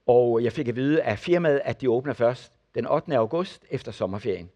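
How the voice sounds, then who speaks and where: An older man preaching, telling testimony stories and acting out the people in them. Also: mid-range voice. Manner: animated storyteller acting out the people in his stories. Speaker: preacher and former missionary. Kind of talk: sermon testimony.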